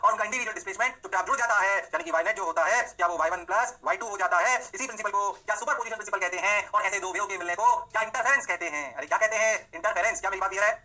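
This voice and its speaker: A man teaching physics in a fast revision lecture. He asks questions and answers them himself, slips English phrases into his Hindi, and adds playful "oh ho ho" sounds. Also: high-pitched, sharp tone.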